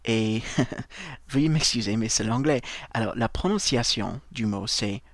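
A man teaching a language lesson, speaking slowly and carefully, repeating words and spelling them letter by letter. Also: medium pitch, no echo. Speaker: English teacher.

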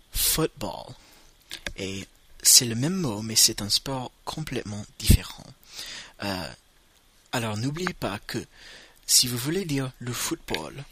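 This patient spoken language lesson features a male teacher who says every word and then repeats it for learners to echo. His voice is medium in pitch, bright and pushed, with a slight roughness.

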